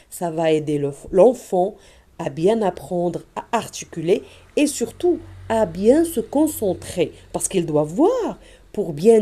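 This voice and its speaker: Woman, teacher, reading lesson for parents, slow and drawn out, lively pitch. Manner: slow, drawn-out modeling of vowels for children.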